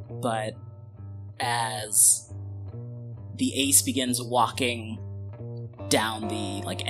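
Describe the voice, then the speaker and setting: A man acting as game master, improvising scene narration for a tabletop game in a halting, drawn-out way. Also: lowish voice, fairly bright tone. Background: guitar music.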